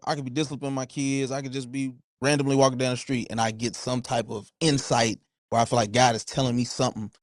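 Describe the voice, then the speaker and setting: A man's voice: mid-range voice, no room sound, clean studio sound. A man, hosting a podcast in casual, playful banter. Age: 30s. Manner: animated, playful banter, slangy. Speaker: podcast host. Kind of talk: casual chat.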